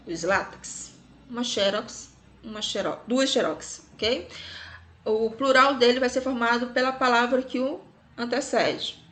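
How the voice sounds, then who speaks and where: A woman's voice: fairly high pitch, a bit bright, slight background noise. A Brazilian woman teaching grammar rules, explaining patiently and checking in with "ok?" after each point. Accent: Brazilian Portuguese.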